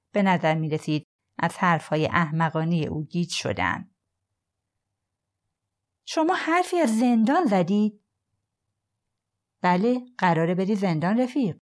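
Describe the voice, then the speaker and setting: Woman narrating an audiobook, lowish calm voice, steady storytelling. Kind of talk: scripted narration.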